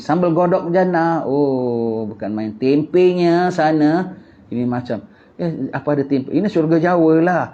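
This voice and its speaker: A man with a Singaporean Malay accent giving a religious lecture, animated, asking rhetorical questions and repeating phrases. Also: a little high, dull audio. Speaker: religious teacher.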